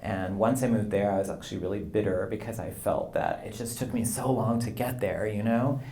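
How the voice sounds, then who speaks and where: Relaxed, rambling man in a roomy hall. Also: on the low side, brisk. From Canada and the U.S. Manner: relaxed, rambling, frequent "you know" and light laughs. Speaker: poet, interview guest. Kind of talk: conversational interview. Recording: roomy live event sound.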